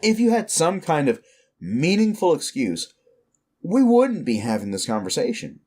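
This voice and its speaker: A man with a fairly low, darkish voice plays a smug, sleazy werewolf office boss in an audio roleplay. He talks down to the listener in a mocking, patronizing drawl that sounds scornful and bullying.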